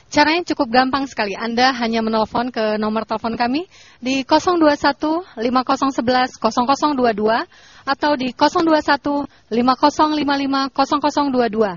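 A woman's voice: high voice, fairly bright tone, no echo, muffled recording. A woman with an Indonesian accent presenting a scripted TV quiz announcement in a formal, polite way. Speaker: quiz presenter on a religious TV show.

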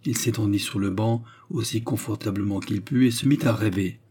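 A male audiobook narrator with a measured, even reading. His voice is low and husky, with a dark, mellow tone. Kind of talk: scripted narration.

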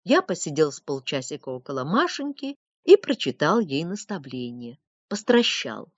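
A smug, preachy middle-aged townsman, read aloud by a woman, recounts his story in a lowish voice that swoops widely. The audiobook sound is dull and lo-fi, with a dry, close feel. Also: very animated, moderate pace, no echo. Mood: self-righteous. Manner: sanctimonious, moralizing storyteller. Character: staid middle-aged male townsman telling a tale. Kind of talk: audiobook reading of a classic story.

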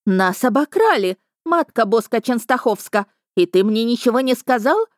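A woman's voice: expressive, measured pace, no room sound, clean studio sound. A woman narrator voicing a hysterical, theatrical older woman who shrieks and carries on in an audiobook. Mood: shrieking. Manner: shrill, shrieking, melodramatic.

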